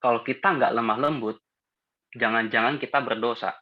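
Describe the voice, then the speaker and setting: A man's voice: mid-range voice, steady tone, normal speed. A man leading a casual Bible study group, talking conversationally and putting questions to the listeners. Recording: dull lo-fi audio.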